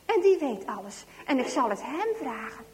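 A woman's voice: very high-pitched, fairly even intonation, extremely slow, dark tone, in a large hall, slight background noise, pitched above the performer's own voice, full character voice. A woman voicing a frightened young village girl who pleads and prays in a trembling, tearful voice. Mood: pleading, tearful.

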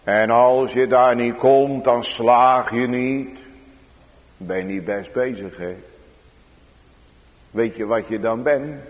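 A man's voice: mid-range voice, steady tone, slow pace, pauses often. A man preaching a sermon in a church, speaking solemnly with sudden raised emphatic passages. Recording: dull sound with long hall reverb.

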